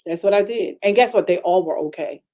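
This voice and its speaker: A mellow-voiced older woman pastor delivers a storytelling sermon. She is animated and emphatic and speaks directly to her listeners. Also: mid-range voice, a little fast. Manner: animated, emphatic, talks straight to the audience.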